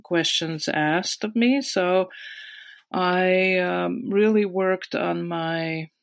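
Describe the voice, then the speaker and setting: Speaking in a lowish, gravelly voice and drawing out her words, a Latvian-accented woman in her sixties looks back on her life as a guest in an interview. She hesitates often, full of fillers and restarts, in a dry recording.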